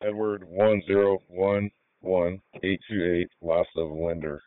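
A low-pitched man speaks over a police radio channel, rattling off call numbers and codes in clipped bursts. His diction stays crisp through the thin, tinny two-way radio sound, which is dry with no room around it. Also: flat delivery, unhurried, no room sound. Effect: police radio transmission. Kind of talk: radio dispatch traffic.

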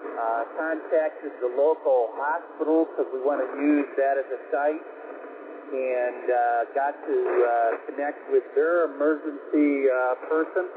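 A man's voice: medium pitch, fairly even intonation, measured pace. A man checking in on a ham radio net, heard over a two-way radio, spelling his call sign and reporting with hesitant fillers. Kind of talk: casual on-air radio report. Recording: tinny radio transmission with hiss.

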